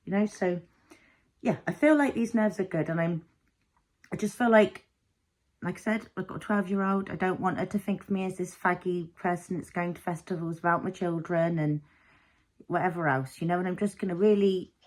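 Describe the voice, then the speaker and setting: Woman, 30s, lowish voice, casual vlogger, rambling and reflective, lots of fillers. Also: steady tone, moderate pace, darkish tone. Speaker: vlogger, mother. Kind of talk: casual personal vlog.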